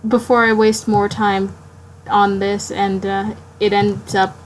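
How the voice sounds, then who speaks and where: A woman live-streaming her drawing late at night, sleepy and yawning, rambling to herself in halting, self-interrupting talk. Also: mid-range voice, flat delivery, slight background noise, low-quality recording. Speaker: art streamer.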